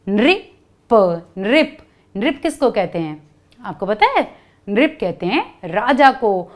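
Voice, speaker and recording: A woman's voice: mid-range voice, sing-song, slow. Patient teacher woman, repeat-after-me. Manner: call-and-response, asks kids to repeat; patient, repeats each syllable. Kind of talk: children's lesson.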